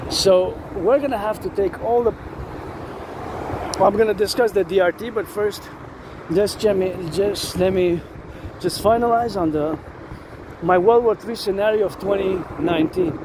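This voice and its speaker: Standing outside beside a road with vehicles going by, a vlogger rambles on, repeating words and phrases insistently. He speaks high-pitched and a little slow, against loud traffic and city ambience.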